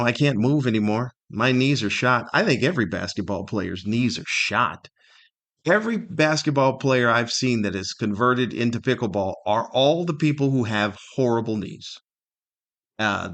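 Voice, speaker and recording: A middle-aged man with a medium-pitched, fairly bright voice hosts a casual solo podcast. He tells his stories in a rambling, wry, self-deprecating way.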